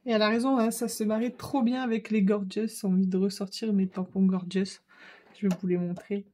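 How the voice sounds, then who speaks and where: Husky woman with a Ch'ti accent. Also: mid-range voice, flat delivery, a little fast, dark tone. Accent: Ch'ti (northern France). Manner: chatty, thinks aloud while painting. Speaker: craft channel host. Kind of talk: casual art-supply demo.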